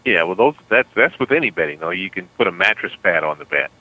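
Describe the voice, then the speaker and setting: A man working as a phone sales representative, speaking politely and somewhat haltingly over a telephone line. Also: low voice, animated. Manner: polite, stammering, calls the caller ma'am. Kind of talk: customer service phone conversation. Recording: thin, dull telephone line.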